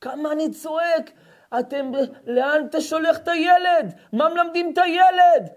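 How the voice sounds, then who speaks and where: Fiery high-voiced preaching man. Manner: fiery, swings between shouting and hushed sarcasm; addresses the crowd directly. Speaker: rabbi giving a public lecture. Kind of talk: impassioned sermon.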